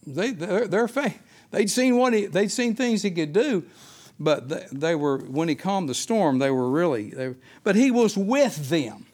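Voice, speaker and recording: Male Bible study teacher, fairly high voice, unscripted sermon delivery with rhetorical questions. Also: expressive, a little slow, a little mellow.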